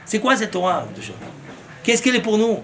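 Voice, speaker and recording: Impassioned rabbi with a lively pitch. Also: male voice, a little fast, a little hiss or hum. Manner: impassioned, with sudden rises and fervent rhetorical questions; mixes Hebrew terms into his speech. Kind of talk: sermon.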